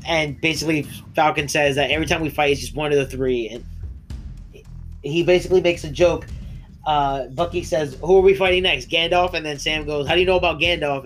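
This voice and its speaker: A man's voice: on the high side, a bit bright. Rambling man recapping a show. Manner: rambling retelling with laughs and restarts. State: coughing, voice breaking. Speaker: podcast co-host. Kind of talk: casual recap chat.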